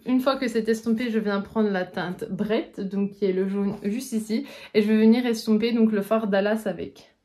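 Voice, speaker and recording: A woman's voice: mid-range voice, fairly even intonation, normal speed, warm tone. A young woman casually reviewing and applying an eyeshadow palette, chatty with frequent fillers as she demonstrates. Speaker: beauty vlogger. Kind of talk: casual makeup tutorial.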